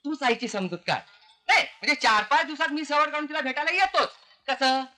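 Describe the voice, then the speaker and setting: An actor playing a cheeky young graduate posing as a servant, joking and wheedling. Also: male voice, very high-pitched, animated, fairly quick, pushed and bright, heavily acted. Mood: jokey. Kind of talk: 1970s film comedy acting.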